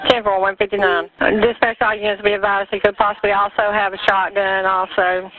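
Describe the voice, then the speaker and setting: Flat-toned police radio dispatcher, thin noisy signal. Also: mid-range voice, a little fast. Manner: procedural radio talk in ten-codes. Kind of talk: police radio dispatch, relaying units and alerts. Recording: narrow, noisy two-way police radio with clicks.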